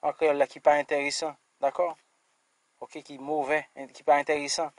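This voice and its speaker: A man with a Haitian accent teaching an English lesson, slowly repeating words and checking in with "d'accord?" and "hein". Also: fairly high pitch, flat delivery, dry recording. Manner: slow, repeated word-by-word pronunciation drills.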